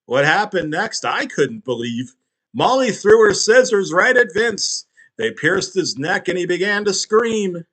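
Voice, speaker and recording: A man's voice: a little high, a bit bright. A man narrating a parody creepypasta with crude, sarcastic, profane asides.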